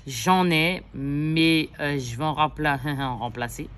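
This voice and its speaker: This mother of several children has a deep, steady voice with a fairly bright tone, and she takes things slowly. As a vlogger, she chats casually to viewers directly while showing off what she bought, wandering off topic, filling pauses and fixing her own words.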